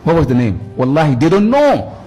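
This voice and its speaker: A middle-aged man giving a storytelling religious lecture, animated, repeating words for emphasis. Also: fairly high pitch, a little fast, husky, soft background music. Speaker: Islamic speaker.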